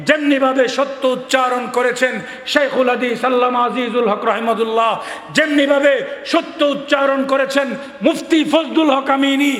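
A man with a Bangladeshi Bengali accent preaching a fiery sermon at a rally, shouting his repeated refrains with passion. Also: extremely high pitch. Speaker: Islamic preacher. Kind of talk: fiery open-air sermon. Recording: echoey amplified hall with long reverb.

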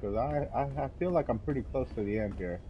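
A man's voice: mid-range voice, expressive, brisk. A man giving casual, rambling gameplay commentary, often muttering to himself. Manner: rambling, muttering to himself, acting out little exchanges. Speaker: gamer playing and commenting. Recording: dull lo-fi mic, clear background noise.

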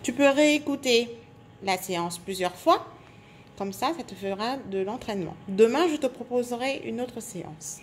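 A woman teacher giving a phonics lesson to young children, speaking slowly and clearly articulating, stretching out sounds and syllables. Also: fairly high pitch, slight background noise. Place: indoors at a table.

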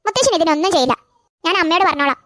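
Performer as defiant cartoon girl, very high and quick. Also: expressive, a bit bright, dry recording, studio quality. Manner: defiant, pleading. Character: stubborn teenage girl with a new puppy. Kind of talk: cartoon voice acting.

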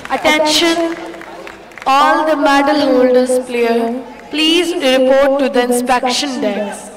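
Lady on the arena PA calling medalists, slow and high, echoey from far off, loud crowd behind. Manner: slow, repetitive call-outs. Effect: over a PA system. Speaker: event announcer. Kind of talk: public address announcements. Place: large indoor sports arena. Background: loud crowd and hall noise.

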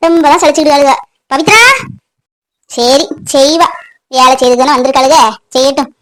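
A woman's voice: high voice, fairly even intonation, moderate pace, a bit bright. A woman voicing a bossy middle-aged mother-in-law in a cartoon, grumbling and nagging in complaint after complaint. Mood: scolding. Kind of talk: cartoon voice acting.

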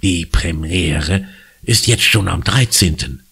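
A man voicing a genial, amused drama teacher in an audiobook, in a measured tone. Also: deep voice, gravelly, a bit bright, husky, exaggerated voice. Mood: praising.

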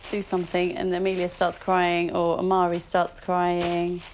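A woman's voice: lowish voice, completely flat delivery, unhurried. Mother at home, candid, sing-song with the kids, sometimes tearful; noisy room audio behind her. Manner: sing-song baby talk, at times tearful. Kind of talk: candid documentary talk at home. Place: family home. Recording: noisy handheld documentary audio.

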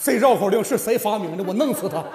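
Man, stuttering, pleading and rushed, fairly high voice, echoing stage hall with an audience. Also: animated, over music, a crowd in the background. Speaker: comedian in a stage sketch. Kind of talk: stage comedy sketch. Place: large studio stage with audience.

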